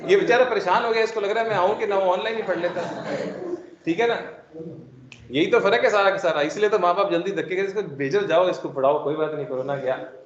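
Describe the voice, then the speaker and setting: A man's voice: high voice, fast. A male chemistry teacher giving a classroom lecture, joking and explaining with everyday classroom analogies. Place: classroom with students present. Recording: echoey classroom, dull lo-fi sound.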